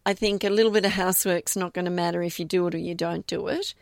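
A woman's voice: on the low side, steady tone, quick pace, vocal fry, no room sound, studio quality. A woman interviewing a guest, asking curious, sympathetic questions in a casual chat.

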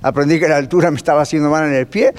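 A man teaching a Bible class as pastor, lively and conversational, putting rhetorical questions to his listeners. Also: fairly high pitch, racing. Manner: lively, asks the class rhetorical questions, drops in English phrases. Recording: long reverb of a church hall.

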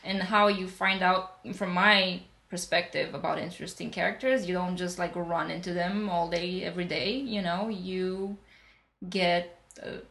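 A woman's voice: on the low side, steady tone, measured pace, creaky, fairly bright tone. A young woman from Romania with a Romanian accent, co-hosting a podcast in a playful, chatty way and laughing easily. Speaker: podcast co-host. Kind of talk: casual chat. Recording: echoey room.

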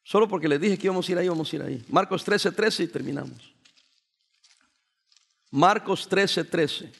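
A man's voice: high-pitched, normal speed, vocal fry, husky. A male pastor delivering a sermon, telling stories with energy and dropping in English phrases. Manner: animated storytelling preacher, mixing in English phrases.

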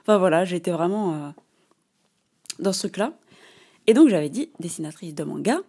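Chatty French-speaking woman podcaster, mellow voice. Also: on the low side, moderate pace. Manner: animated, slangy storytelling with frequent fillers. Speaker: podcast host. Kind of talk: casual solo podcast monologue.

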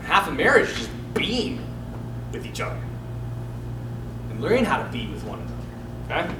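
His pitch is fairly high and swings hugely, though his speed stays normal. The priest delivers a rambling, story-filled, sermon-like chat on parenting, imitating the voices he quotes, recorded from a distance in a reverberant hall with noise behind him.

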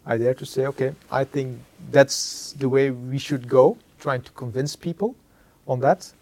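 Talking about how he leads, a middle-aged executive speaks Dutch with a Flemish accent in a mid-range, dark-toned voice. He frequently stops to find the right word and tags his points with "huh?".

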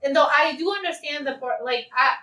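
Woman, high voice, animated storytelling, far from the mic. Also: brisk, soft background music. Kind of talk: casual chat. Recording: roomy, distant mic.

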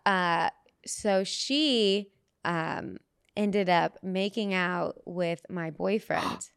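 Smooth-voiced woman telling stories. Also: fairly low pitch, drawn-out words, no room sound, studio quality. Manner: chatty storyteller, laughs through stories. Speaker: podcast host. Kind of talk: casual podcast storytelling.

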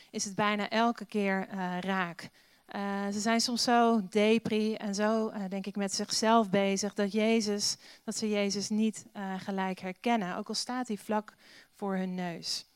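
A woman gives a sermon and reads Bible passages in a relaxed, conversational way. She pauses on filler sounds and keeps asking her listeners rhetorical questions. Her voice is smooth and resonant, recorded dry and close with no room echo. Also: medium pitch. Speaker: preacher.

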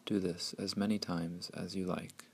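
A man narrating a scripted guided meditation in a soothing, hushed, unhurried way with long pauses. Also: low voice, flat delivery, a little hiss or hum.

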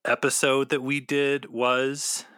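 A man's voice: mid-range voice, little pitch movement, takes it slowly, bright, forceful tone, clear, resonant tone, no echo, clean studio sound. A man hosting a podcast in casual, playful chat, repeating phrases with mock seriousness. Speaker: podcast host.

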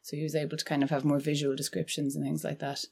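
A woman's voice: sits low, monotone, fast talker, vocal fry, darkish tone, breathy edge. A woman from Galway with a west of Ireland accent, talking reflectively and conversationally as a filmmaker being interviewed. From County Galway, Ireland. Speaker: documentary filmmaker, interview guest. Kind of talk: casual podcast interview.

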